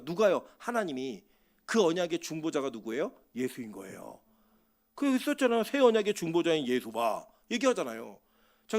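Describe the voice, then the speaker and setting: A male pastor preaching a sermon in a church, asking the congregation rhetorical questions and acting out quotes. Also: a little high. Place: church sanctuary.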